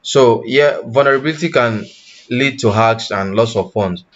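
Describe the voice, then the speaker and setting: A man teaching blockchain development in a live online class, pausing often and correcting himself, and checking in with "you understand?". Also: mid-range voice, highs cut off. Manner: halting, self-correcting, asks "you understand?". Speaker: tech instructor.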